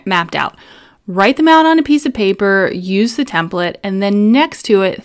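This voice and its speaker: A woman in her thirties hosting an instructional solo podcast, talking through advice in an upbeat, orderly, step-by-step way. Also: medium pitch. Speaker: podcast host giving planning advice.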